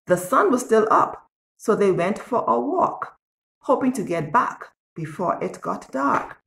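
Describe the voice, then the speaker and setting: In a small room with bare walls, a sixties-aged woman tells a story from a picture book to young children, deliberate and expressive, with questions for her audience. Her voice sits mid-range with some vocal fry. A phone or tablet at arm's length records it, leaving echo and a faint hiss or hum.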